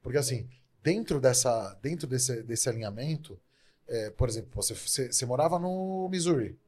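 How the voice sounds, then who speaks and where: A man's voice: medium pitch, animated, moderate pace, darkish tone. A man from Brazil hosting an interview podcast, chatty and full of self-corrections as he talks. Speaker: podcast host.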